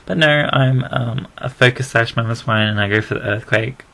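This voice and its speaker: A man with an Australian accent gives casual, rambling, self-deprecating commentary over a video game battle, recorded on a built-in laptop mic. His mid-range voice is gravelly and fairly bright, at a moderate pace.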